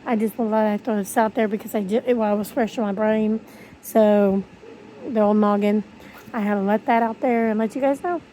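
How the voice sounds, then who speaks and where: A woman's voice: mid-range voice, steady tone, moderate pace, warm tone, slight background noise, low-quality recording. A woman speaking casually to her viewers in a rambling vlog, her speech slightly slurred by missing front teeth. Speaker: video creator. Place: bedroom, lying in bed.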